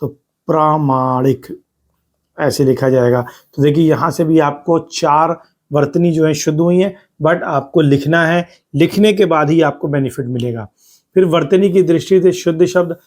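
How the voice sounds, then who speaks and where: Man teaching slowly over slides. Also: fairly high pitch, a little mellow. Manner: explains step by step, repeats words slowly to stress spelling. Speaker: exam prep teacher. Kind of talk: spoken lesson over slides.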